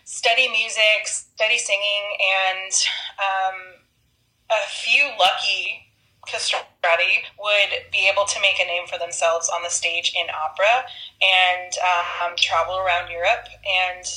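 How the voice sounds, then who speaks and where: A woman giving an informal expert explanation in a halting, conversational way, as an interviewed teacher. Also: medium pitch, bright, forceful tone, poor audio.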